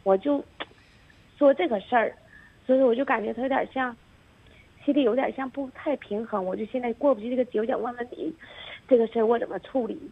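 A woman's voice: a little high, brisk, creaky, breathy edge. A woman, calling into a radio show, hesitant and stammering. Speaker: caller. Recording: tinny phone line.

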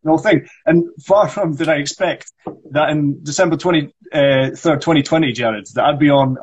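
A young Scottish actor on a live stream teaches his accent, patiently explaining pronunciation step by step and encouraging viewers in a casual chat. His voice is fairly high and husky, at a moderate pace. The phone or webcam audio sounds dull.

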